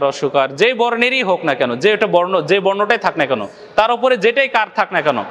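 Man, high voice, recitation teacher, patient step-by-step explanations, addresses viewers. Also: fairly bright tone. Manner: explains rules slowly, often addressing "dear viewers" and drawing out sample recitations.

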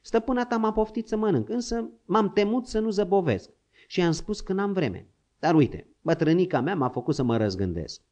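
A man doing a gruff old frontier hunter. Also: high-pitched, animated, a little mellow, pitched above the performer's own voice. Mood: easygoing. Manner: grumbling, scolding, coaxing.

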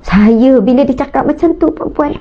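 A woman religious teacher with a Malaysian Malay accent gives a storytelling sermon, speaking to her listeners directly. Her voice sits high, earnest and emotional. The recording is dull and lo-fi. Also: normal speed, warm tone, slight background noise. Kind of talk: storytelling religious talk to an audience.

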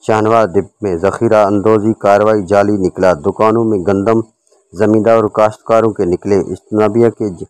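A man's voice: lowish voice, little pitch movement, a little mellow, clear, resonant tone, no room sound. A male field reporter from Pakistan reading a formal news voice-over. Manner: formal, measured Urdu news delivery.

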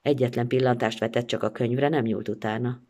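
An actress reciting a first-person story theatrically, expressive and shifting between pleading and irony. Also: female voice, a bass voice.

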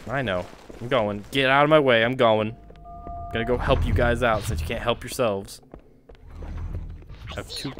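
A man giving casual, slangy gameplay commentary as a streamer, excitable and prone to exclaiming in alarm and amazement. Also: mid-range voice, moderate pace, long pauses, slight background noise. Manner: casual slangy talk, says dude and bro. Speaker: video game streamer. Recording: loud game music and gunfire behind. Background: game music, gunfire.

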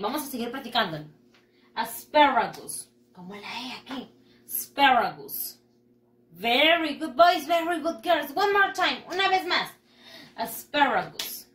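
A woman teaching children English, her voice high and bright. She talks slowly and patiently, stretching each word and giving praise again and again. The sound carries a roomy echo. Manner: slow, patient, exaggerated pronunciation with frequent praise. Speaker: primary school English teacher. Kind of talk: bilingual online lesson for children.

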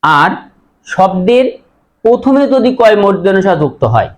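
A man's voice: sits high, expressive, moderate pace. A man teaching a pronunciation lesson, explaining each rule step by step with repeated examples and questions to the class.

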